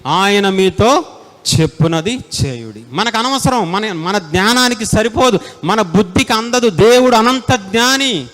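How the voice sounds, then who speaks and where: A man preaching a sermon as a pastor, passionate and dramatic, swinging from soft pleading to loud outbursts. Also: high voice, expressive, unhurried. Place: large indoor meeting hall. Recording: long hall reverb.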